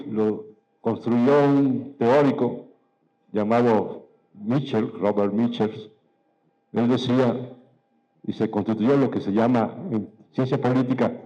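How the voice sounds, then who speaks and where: Measured man giving a political speech. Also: medium pitch, mellow, muffled recording. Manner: measured, rhetorical questions, emphatic repetition. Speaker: political speaker. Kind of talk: political speech to party members.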